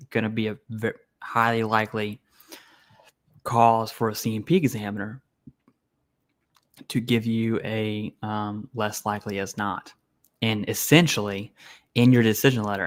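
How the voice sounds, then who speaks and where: This man has a lowish, slightly bright voice. He's running a laid-back live Q&A from his home setup, eating on stream while he reads viewers' questions aloud and replies bluntly and casually.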